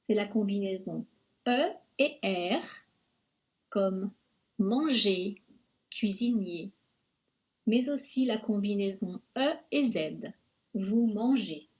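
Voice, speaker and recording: A woman narrating a French pronunciation lesson in a slow, careful, over-articulated way. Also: medium pitch, expressive, dull audio.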